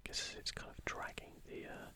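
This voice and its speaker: In a hushed, informal ASMR whisper with no voicing, the host unhurriedly pages through an art book, remarking on what she sees.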